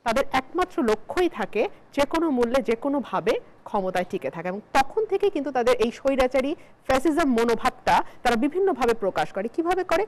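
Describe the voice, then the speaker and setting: Animated high-voiced woman arguing law. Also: fairly quick, poor audio. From Bangladesh. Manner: argumentative, lawyerly, builds points with emphasis. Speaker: barrister and political panelist. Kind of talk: televised political debate.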